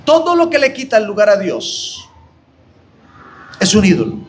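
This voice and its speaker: A man's voice: sits high, wildly swooping pitch, normal speed. A man with a Colombian accent, preaching a fervent Bible study sermon to his brethren. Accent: Colombian Spanish. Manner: fervent preaching, rising on exclamations, addressing "hermanos".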